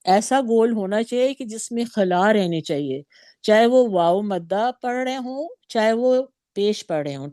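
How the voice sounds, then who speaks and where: A woman's voice: medium pitch, mellow, no echo, studio quality. A woman teaching a Quran recitation lesson, patiently drawing out syllables and words for students to repeat. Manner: patient, drawn-out demonstrations of syllables. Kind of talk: slow Tajweed lesson, modelling sounds for repetition.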